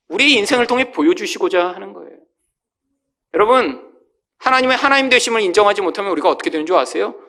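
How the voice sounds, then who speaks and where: A male pastor preaching a sermon with emphatic, rising exclamations that drop away quietly at the end of phrases, often calling out to the congregation. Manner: swells to high exclamations, then drops low and quiet at phrase ends.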